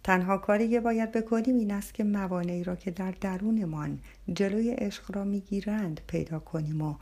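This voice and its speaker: A woman voicing a calm, quietly determined middle-aged wife who speaks softly. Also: mid-range voice, natural voice. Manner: calm and soft.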